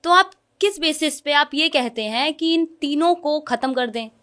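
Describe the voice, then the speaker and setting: High-voiced woman arguing assertively. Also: a bit bright. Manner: assertive, argues back fast, interrupts. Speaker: guest activist. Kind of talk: heated debate interview.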